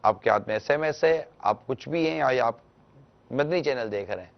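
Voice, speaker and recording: A man answering a caller's question on a religious talk show, explaining gently and instructively and acting out small household exchanges. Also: medium pitch, lively intonation, creaky, lo-fi sound. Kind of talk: televised religious advice talk.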